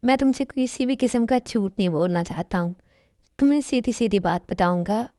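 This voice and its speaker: A woman's voice: a little high, animated, moderate pace, dark tone, no echo, clean studio sound, lightly acted. A woman voicing a worried middle-aged father and company owner in an amateur dub, talking in an anxious, pleading way.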